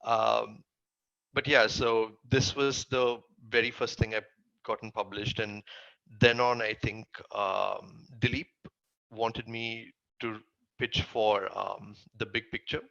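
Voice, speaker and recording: A man with a Tamil accent talks casually as an interview guest. His voice sits on the low side with a heavy creak and a forceful edge. The recording is dry and a little dull. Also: steady tone, slow, no room sound. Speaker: interview guest, comic writer. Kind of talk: casual interview answers, recounting career.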